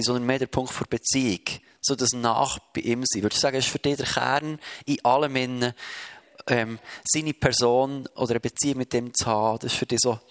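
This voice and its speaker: A man's voice: medium pitch, fairly bright tone. A man interviewing a guest, asking long, thoughtful questions with searching phrasing and occasional fillers.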